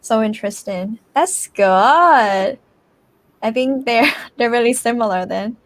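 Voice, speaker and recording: A woman's voice: fairly high pitch, lively intonation, slow, dry recording. A woman hosting a casual live language chat, reacting expressively and encouragingly to her guest and commenters. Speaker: host of a language-teaching channel.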